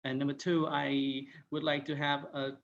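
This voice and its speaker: A man's voice: medium pitch, monotone, moderate pace, dull audio, a little hiss or hum. A man from Vietnam with a Vietnamese accent, asking polite, hesitant questions in an online meeting with many fillers. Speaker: conference participant.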